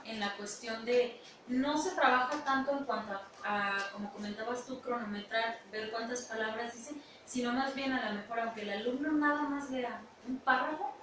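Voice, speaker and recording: A woman, an English teacher speaking as a radio guest, explaining with many fillers and restarts. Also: fairly high pitch. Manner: hesitant, with fillers. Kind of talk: educational radio talk. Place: radio studio. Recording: echoey room, distant mic, noisy.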